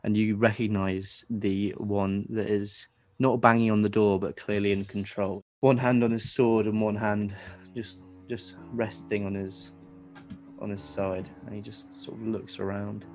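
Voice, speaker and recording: Laughing game master, low voice. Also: male voice, level tone, measured pace, faint music behind. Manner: chatty, laughs often, drops to a hush for tense moments. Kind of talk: narrating a tabletop game.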